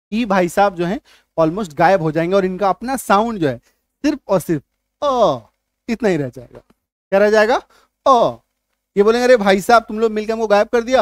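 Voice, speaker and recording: A man's voice: sits high, dry recording. Man teaching English spelling. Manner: repeats key words, asks the viewer quick questions. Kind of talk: spelling and pronunciation lesson.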